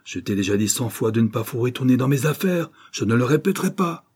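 A man's voice: medium pitch, animated, fast, darkish tone, slightly rough, voice pushed up. A man voicing a harsh, bullying middle-aged husband who growls and hammers his words. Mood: menacing.

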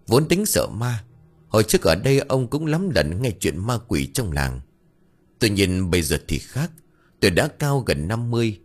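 A man narrating a scripted ghost story with steady storytelling. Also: lowish voice.

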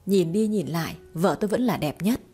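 A woman's voice: fairly low pitch, a little fast, dark tone, husky, soft background music. A woman voicing an exasperated young husband who grumbles in a put-upon way in a storybook.

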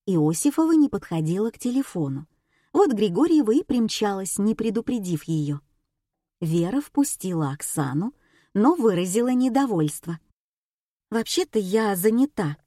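A woman narrating an audiobook in a steady storytelling read. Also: mid-range voice, dry recording, studio quality. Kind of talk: scripted narration.

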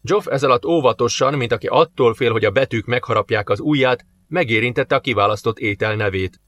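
Measured male audiobook narrator, middle pitch, dry studio mic. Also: fairly bright tone, no room sound. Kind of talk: scripted narration.

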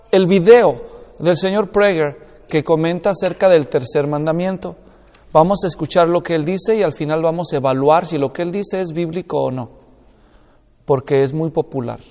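Male Bible teacher, explanatory lecture, keeps checking understanding; slightly high voice. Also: normal speed, a little mellow, big-room sound.

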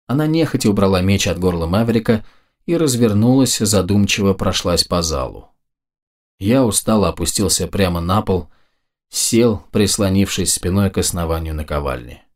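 Man, very deep voice, audiobook narration, first person, measured. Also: animated.

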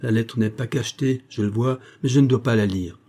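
A man's voice: medium pitch, brisk, warm tone, lightly acted. A man reading the part of a sarcastic, boastful middle-aged police detective in a mocking, self-assured tone, in an audiobook.

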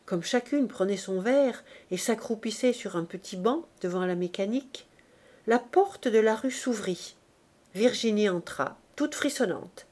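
A woman reading a novel aloud in a measured, even narration. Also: medium pitch. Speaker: audiobook reader.

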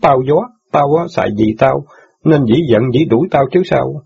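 A man's voice: medium pitch, moderate pace, creaky, mellow, husky. A man voicing an angry, heartbroken young newspaper boy who pours out his grievances in an audiobook drama. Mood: aggrieved. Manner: bitter, aggrieved outbursts. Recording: dull lo-fi audio.

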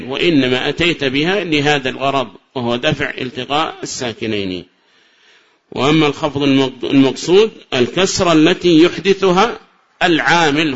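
Man teaching grammar on a dull recording. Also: on the high side. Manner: reads the text raised and loud, then explains slowly with drawn-out examples; asks the class questions and answers them himself. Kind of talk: explaining a classic grammar text to students.

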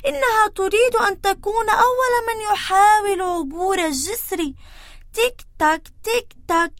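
Woman storyteller for children, high pitched, animated sound effects, dry studio. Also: no echo. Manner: expressive, acting out sounds.

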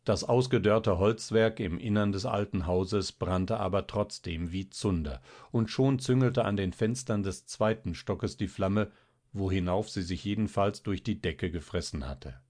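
A man narrating a classic novel as an audiobook in a steady, even reading. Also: on the low side, a little slow. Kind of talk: scripted literary narration.

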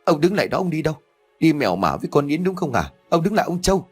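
A man's voice: sing-song, brisk, faint music behind. A man voicing a jealous, furious middle-aged wife who hurls accusations at her husband in an audio story. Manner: shrill accusing shouts.

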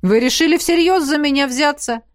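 A woman's voice: sits high, moderate pace, dry recording, pitched above the performer's own voice, natural voice. A woman voicing a wry, grumbling middle-aged male king in a storybook reading. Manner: dry, grumbling.

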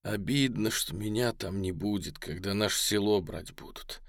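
Storybook role: feverish wounded volunteer, read by a man, low and strained. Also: moderate pace, no echo, studio quality, lightly acted. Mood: bitter.

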